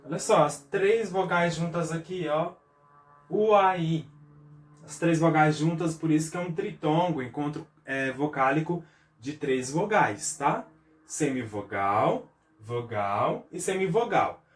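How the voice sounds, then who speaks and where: A man's voice: a little high, moderate pace. A man with a Brazilian Portuguese accent teaching a recorded review lesson for schoolchildren, explaining step by step and checking in often. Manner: patient, explains step by step with frequent "tá?" check-ins and spelled-out syllables. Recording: roomy echo, voice a bit far from the mic.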